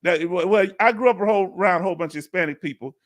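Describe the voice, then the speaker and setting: A middle-aged man with a Houston, Texas accent chats casually with viewers during a live Q&A stream, relaxed and rambling, laughing easily. His voice sits a bit higher than most men's, and he talks very fast.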